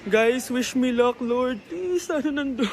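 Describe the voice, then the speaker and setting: A woman's voice: high voice, a little slow, darkish tone, slight background noise. A woman vlogging anxiously and chattily to her viewers while out in city streets and the subway, filming on a handheld phone. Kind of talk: travel vlog.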